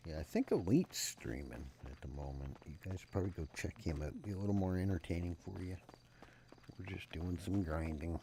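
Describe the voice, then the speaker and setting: A sleepy man who keeps yawning, streaming a game and chatting in a low-key, mumbling way. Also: animated, fairly quick, warm tone, a little hiss or hum. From Canada. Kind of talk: casual gameplay commentary.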